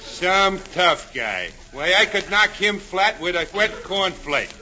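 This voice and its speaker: A man's voice: high voice, sing-song, takes it slowly, exaggerated voice. An actor playing a blunt, scornful American gangster henchman in old-time radio comedy style. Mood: scornful, sly. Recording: dull, hissy old radio recording.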